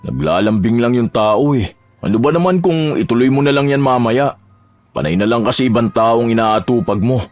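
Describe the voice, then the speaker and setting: A man's voice: medium pitch, lively intonation, normal speed, a little mellow, no echo, faint music behind, lightly acted. A man voicing a young boyfriend who talks in a pleading, sulky way in a dramatized story.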